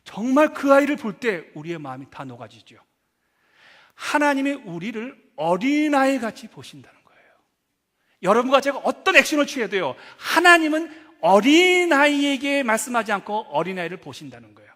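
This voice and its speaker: A middle-aged male pastor giving a dramatic Sunday sermon, swinging from loud acted quotes to hushed asides. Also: very high voice, big pitch swings, normal speed. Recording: long church hall reverb.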